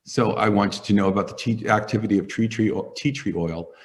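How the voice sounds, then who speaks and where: Middle-aged male stylist, low voice, energetic raconteur who mimics the people he quotes. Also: a little fast, slight background noise. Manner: animated storyteller, acts out quoted voices. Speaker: hair stylist and product formulator. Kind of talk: sit-down interview, storytelling.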